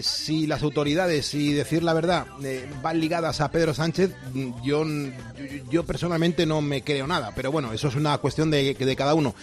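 A man with a Castilian accent from Spain hosting live radio in a chatty, emphatic way. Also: fairly high pitch. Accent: Castilian Spanish from Spain. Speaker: radio host.

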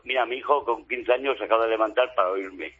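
A man in his forties from Spain with a Spanish accent, chatting casually as a radio caller in a husky smoker's voice that sounds like an old man's. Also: mid-range voice, fast, narrow, tinny audio. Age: 40s. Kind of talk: casual chat.

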